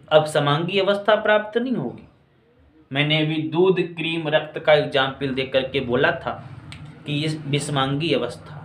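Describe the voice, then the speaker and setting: A chemistry teacher delivers a classroom-style lecture in a higher-than-usual voice, working through the material step by step and often asking whether it is clear. He calls his students children and friends. The room has a noticeable echo.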